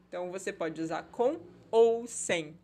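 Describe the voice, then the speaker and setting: A woman teaches a beginner Mandarin lesson in a recorded online class. She talks patiently, stops often to check that her students follow, and slows down carefully whenever she models a Chinese phrase. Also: on the low side, mellow.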